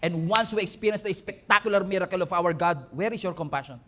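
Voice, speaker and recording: Over background noise, a high-voiced man delivers a brisk sermon. He's a pastor mixing Tagalog and English, alternating funny stories with emphatic appeals that climb to forceful peaks.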